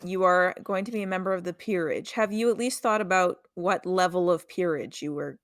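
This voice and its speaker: A woman with a low voice hosts a role-play session. She talks casually and hesitantly, often repeating words. The recording is close and dry. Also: fairly quick, no echo. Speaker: game master.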